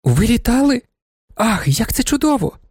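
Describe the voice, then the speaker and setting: A man's voice: a little high, sing-song, fast, a little mellow, dry recording, clean studio sound, pitched above the performer's own voice. A man reading an audiobook and voicing a naive young lady who gushes with wonder. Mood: gushing.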